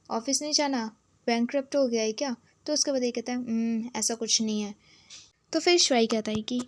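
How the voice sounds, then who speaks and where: A woman's voice: a little high, no echo. A woman casually retelling a drama episode, reading the characters' lines in her own voice. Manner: retells the scenes and reads each character's dialogue in her own voice. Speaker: drama recap narrator.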